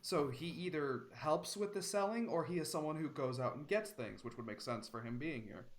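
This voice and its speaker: A man's voice: a little high, moderate pace. A man narrating as game master in a tabletop role-playing session, hesitant with many fillers.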